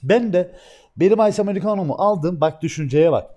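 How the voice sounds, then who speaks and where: A young man on a livestream, telling a story in casual chat with a slightly high voice. He swings between loud bursts and muttered asides and swears freely. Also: a little fast. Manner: animated, swearing, shifts between loud outbursts and quiet asides. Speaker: streamer.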